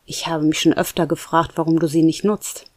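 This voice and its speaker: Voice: medium pitch, level tone, brisk, dry recording, lightly acted. Hesitant young guy full of doubts, storyteller doing him, dry sound. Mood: doubtful. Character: unsure young man facing a job choice.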